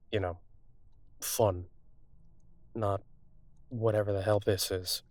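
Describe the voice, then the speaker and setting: A man playing a streetwise, wry car thief on the run in a conversational audio role-play, talking casually with thoughtful pauses. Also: fairly low pitch, darkish tone, no echo, natural voice. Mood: playful, wry.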